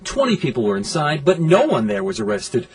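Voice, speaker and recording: A man reading a scripted local news report in a measured way. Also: on the high side, wildly swooping pitch, vocal fry, darkish tone, far from the mic.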